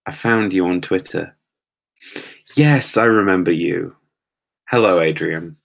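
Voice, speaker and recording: Male streamer, low voice, jittery, self-deprecating casual chat with viewers. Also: unhurried, gravelly. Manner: nervous, rambling, self-deprecating. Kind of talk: casual chat reading live comments.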